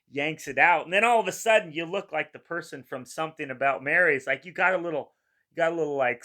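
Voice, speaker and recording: A man's voice: on the high side, pushed and bright. A middle-aged man giving casual, rambling reaction commentary in a laid-back, slangy way. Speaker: reaction video host.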